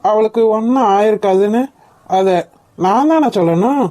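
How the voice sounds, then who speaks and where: A woman's voice: medium pitch, moderate pace, warm tone, natural voice. A woman voicing an anguished, agitated young man in a cartoon. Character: anguished young man, worried for his wife. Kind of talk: cartoon voice acting.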